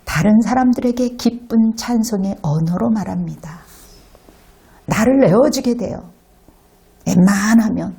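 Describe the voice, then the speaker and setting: A woman's voice: medium pitch, unhurried, vocal fry, pauses often, husky. A woman pastor preaching a sermon, telling a story animatedly and asking the congregation rhetorical questions. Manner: animated storytelling, acting out quotes.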